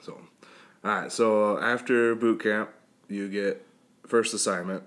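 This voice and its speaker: Low-voiced man prompting an interview. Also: steady tone, slow pace, a bit bright. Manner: brief prompts and summaries. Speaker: interviewer, podcast host. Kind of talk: interview questions.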